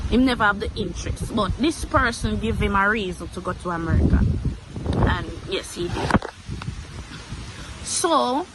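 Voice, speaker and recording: An earnest Jamaican woman in her twenties tells her own story, stressing points by saying them again. Her voice sits at a middle pitch for a woman. A steady hiss of background noise runs under the recording. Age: 20s. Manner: earnest, repeats herself for emphasis. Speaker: guest telling her story. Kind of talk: emotional personal account. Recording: noisy background.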